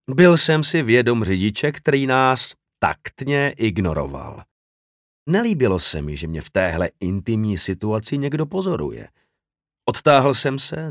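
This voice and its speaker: A man narrating an audiobook in the first person, reading in a measured, intimate storytelling manner with slow dramatic pauses. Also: fairly low pitch, no room sound, clean studio sound.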